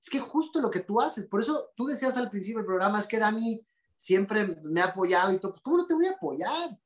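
A man with a Mexican accent, a psychologist guest on a podcast, telling a story in a lively, indignant way and acting out the dialogue. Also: high voice, brisk. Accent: Mexican Spanish. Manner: animated and indignant, acts out quoted dialogue. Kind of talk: conversational storytelling.

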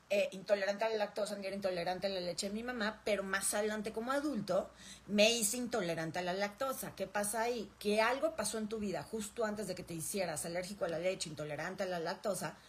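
A woman's voice: medium pitch, fairly bright tone, slight background noise. A woman giving an informal spoken lecture, explaining through rhetorical questions and repetition. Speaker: speaker on emotional roots of illness.

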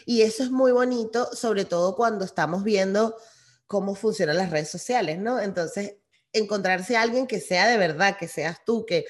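A woman's voice: medium pitch, normal speed. Friendly woman asking questions. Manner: supportive, affirming, laughs often. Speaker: interviewer. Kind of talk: casual chat.

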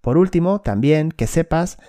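Mellow-voiced man coaching. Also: fairly high pitch, expressive, normal speed. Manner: direct, addresses listener, tags points with "okay?". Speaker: sports mental coach. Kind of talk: instructional talk to camera.

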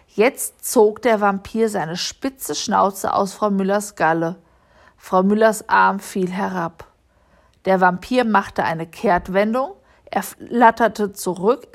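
A woman reading a children's story aloud in a calm, clear voice. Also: mid-range voice. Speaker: audiobook reader. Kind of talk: storybook narration.

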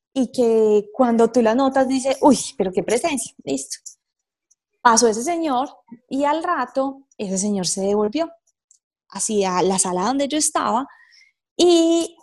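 A woman, a wellness therapist and mother, telling her personal story as a guest. She speaks earnestly, with many fillers and slowed pauses. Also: fairly high pitch, dark tone.

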